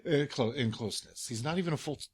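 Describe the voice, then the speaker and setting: A man's voice: mid-range voice, quick pace, slightly rough, dry recording. A young man co-hosting a casual podcast, rambling and hesitant with many restarts. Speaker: podcast co-host. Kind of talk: casual chat.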